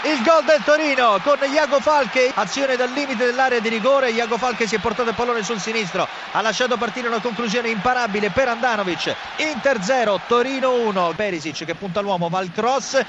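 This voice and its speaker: A man's voice: very high voice, a little fast, hardly any pauses. A man with an Italian accent giving live football radio commentary and describing goals. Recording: muffled feed with crowd and noise.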